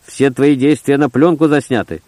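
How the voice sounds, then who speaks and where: A man's voice: medium pitch, fairly even intonation, moderate pace, darkish tone, no echo, close to an everyday voice. A man voicing a cold, hostile male interrogator who speaks in curt accusations, read as part of an audiobook. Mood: accusing.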